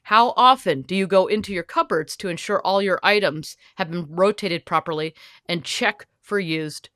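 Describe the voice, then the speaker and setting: Woman as a perfectionist character, fussy, emphatic, lecturing, lowish voice, dry close podcast mic. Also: a bit bright, no room sound, close to an everyday voice. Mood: fussy, amused. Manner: fussy, emphatic, lecturing, quick to get heated. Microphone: podcast microphone.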